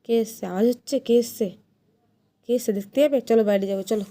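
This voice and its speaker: Casting note: a woman, a fairly high voice, cooing baby talk to a pet. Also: brisk, dark tone. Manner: coaxing, cooing, repeating words. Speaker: vlogger talking to her pet rabbit.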